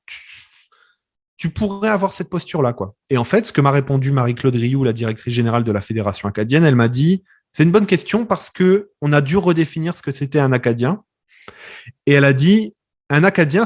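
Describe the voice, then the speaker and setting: A man's voice: fairly high pitch, a little mellow. Young French man, standard accent from France, casual interviewee, radio journalist, talks with many fillers. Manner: conversational, many fillers and restarts. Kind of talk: relaxed interview.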